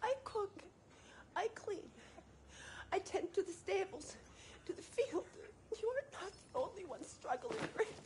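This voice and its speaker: A woman playing a long-suffering, protective mother in a video game drama, with a breathy voice and careful, formal phrasing. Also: extremely high pitch, big pitch swings, unhurried, darkish tone, a little hiss or hum, exaggerated voice. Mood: defiant. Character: gentle but defiant, long-suffering mother and wife.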